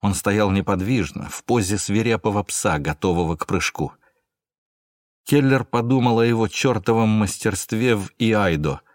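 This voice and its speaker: A man narrating a thriller audiobook in a measured, steady way. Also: fairly low pitch, no room sound, studio quality.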